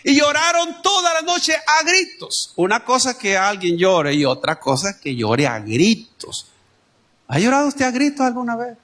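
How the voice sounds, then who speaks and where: High-pitched, lively Salvadoran-sounding preacher man. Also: moderate pace. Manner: conversational preaching, addressing the congregation directly. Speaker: pastor. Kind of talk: sermon. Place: church.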